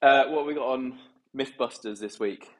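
A man's voice: mid-range voice, moderate pace, low-quality recording. A man hosting a podcast, chatting casually, upbeat and teasing, laughing often. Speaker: podcast host. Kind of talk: casual chat.

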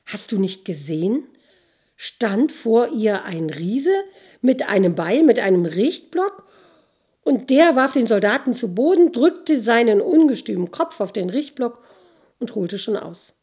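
Woman reading a fairy tale, dark husky voice. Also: fairly high pitch, measured pace. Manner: expressive storytelling. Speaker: narrator.

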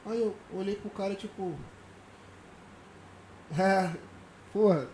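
A man's voice: high-pitched, steady tone, mellow, echoey room, slight background noise. A man, chatting casually and telling jokey stories. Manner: quick, joking storyteller. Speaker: podcast co-host, police officer. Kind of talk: casual chat.

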